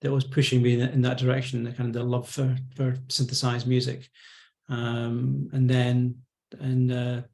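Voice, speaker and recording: A man in his fifties with a Scottish accent, a musician guest chatting on a video call from his home studio, relaxed and reflective with many ums and restarts. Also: medium pitch, normal speed, gravelly. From Scotland. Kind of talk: casual interview chat.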